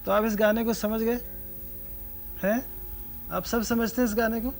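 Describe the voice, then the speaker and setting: A man from North India teaches the sarod to a class, speaking in a high, lively voice. He keeps asking his students questions and sings the note syllables aloud to show the scale. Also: unhurried, gravelly, soft background music. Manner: asks the audience questions, sings sargam syllables. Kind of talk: lecture-demonstration to students.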